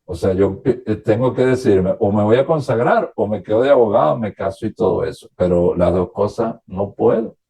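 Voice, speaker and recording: A priest from Venezuela, a man, telling his own story as a radio interview guest, recounting past conversations in a halting, reflective way. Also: fairly low pitch, animated, gravelly, warm tone, slightly rough.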